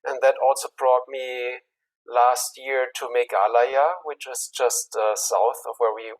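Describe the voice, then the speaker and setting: Man calmly introducing his research. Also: mid-range voice, unhurried, poor audio. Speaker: architecture researcher. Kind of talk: self-introduction on a video call.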